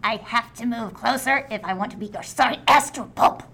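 A woman voicing a defiant young hero in an amateur fan dub, shouty and comic. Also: a little high, a little fast. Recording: roomy echoey sound.

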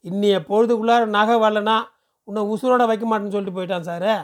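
A distressed poor village woman pleading anxiously, her voice pitched high, as a male storyteller puts her on. She hurries through her complaints in a read-aloud short story. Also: steady tone, quick pace, close to an everyday voice.

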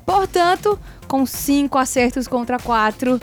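A woman hosting a radio quiz in a studio, brisk and upbeat, reading each question slowly and clearly. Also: high-pitched, lively intonation, faint music behind. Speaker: radio show host, quiz master.

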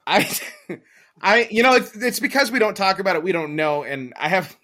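A young man co-hosting a loose podcast, his voice high and lively with a bright edge. He giggles through his sentences and wanders into rambling questions. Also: moderate pace. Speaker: podcast co-host. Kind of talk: casual chat.

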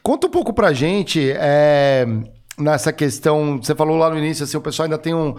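A man's voice: a little high, fairly quick, darkish tone, smooth. A man hosting a podcast, asking questions in a casual, chatty way. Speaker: podcast host. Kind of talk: podcast interview.

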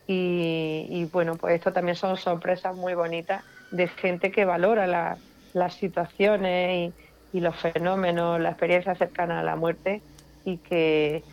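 A woman's voice: fairly low pitch, little pitch movement, measured pace, dull audio. A woman from Spain, a paranormal investigator, telling a personal story with feeling and repeating words for emphasis.

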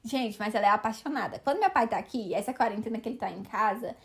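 A young woman co-hosting a casual podcast, telling lively stories and laughing often. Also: fairly high pitch, fast talker. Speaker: podcast co-host. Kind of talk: casual chat.

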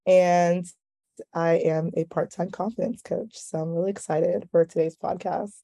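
An American woman talks casually as a podcast guest. Her tone is mellow and warm, pitched a little low. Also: fairly even intonation, unhurried. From California, United States. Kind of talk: casual chat.

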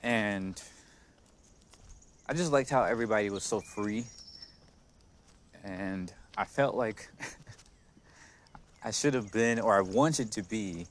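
Man, lowish voice, soft r's that sound like w, hesitant casual monologue, noticeable background noise. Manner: hesitant, halting, with frequent chuckles. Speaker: podcast host. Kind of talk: casual reflective solo monologue.

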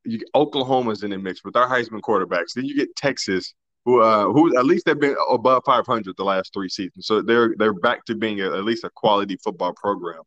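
A man's voice: on the low side, a little fast, a bit bright, no room sound, highs cut off. A man co-hosting a casual sports podcast, talking loosely and colloquially, often restarting his sentences.

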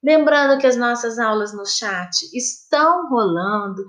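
Woman teacher, Brazilian Portuguese accent, slow and patient with children, fairly high voice, echoey room. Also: expressive, fairly bright tone. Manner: slow, patient, sing-song questioning. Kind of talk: recorded remote lesson for children.

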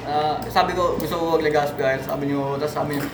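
A young man chatting casually with friends, explaining things in a halting, rambling way with many restarts. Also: on the high side, vocal fry, a crowd in the background. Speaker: podcast co-host, episode's focus. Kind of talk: casual group chat. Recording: echoey room with steady noise.

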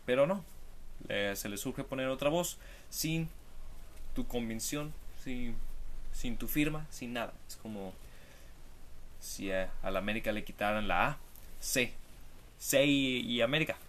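A man talks at a middle pitch, cracking jokes and throwing rhetorical questions at the viewer. His casual commentary sits over a faint background hiss. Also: unhurried, pauses often. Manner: animated, jokey, rhetorical asides. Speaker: video commentator.

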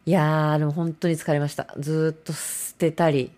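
A woman's voice: low voice, little pitch movement, normal speed, dark tone. A middle-aged woman hosts a casual solo talk show, rambling and self-mocking.

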